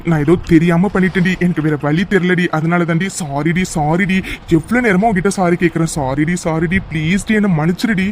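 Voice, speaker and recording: A wheedling young cartoon lover, as a voice actor plays him, mischievous and quick to beg forgiveness, piling on endearments. His voice sits in a middle pitch with a faint hiss of noise behind it. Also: close to an everyday voice. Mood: pleading. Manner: wheedling, apologetic with repeated endearments. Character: young man, playful lover who fakes an injury. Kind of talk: cartoon voice acting.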